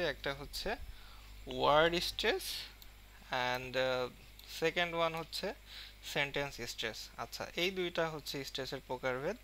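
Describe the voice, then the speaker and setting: A man with a Bengali accent teaching an English lesson, reading English lines slowly and then explaining them in Bengali with many fillers. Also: fairly high pitch, sharp tone.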